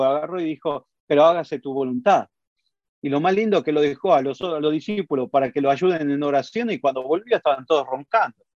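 Lively preacher, dry sound. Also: male voice, a little high, no echo, dull audio. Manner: lively storytelling, acts out Bible scenes with voices. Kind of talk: sermon.

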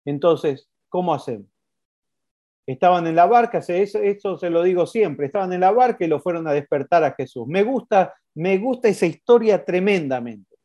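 A preacher, giving an animated sermon full of repetition and rhetorical questions. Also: mid-range voice, normal speed.

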